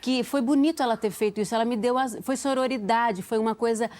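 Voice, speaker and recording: A woman's voice: on the high side, fast talker, darkish tone. A woman in her forties, a talk show guest, telling a story earnestly with frequent restarts. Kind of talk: emotional storytelling.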